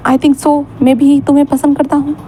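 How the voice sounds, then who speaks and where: A regretful young man begs softly for forgiveness, voiced by a woman reading a story aloud. His voice is high and warm. He keeps the tone gentle and pleading. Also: flat delivery, normal speed, a little hiss or hum, lightly acted. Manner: soft, pleading.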